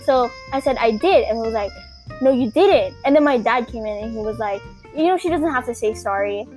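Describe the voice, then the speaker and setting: A young woman with a Filipino accent chats casually and tells a story, her voice sitting high and lifting sharply whenever she acts out what someone else said. She fills her talk with "like" and keeps it animated from start to finish. Faint music plays in the background. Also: fairly quick. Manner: animated, acts out quoted people, many fillers.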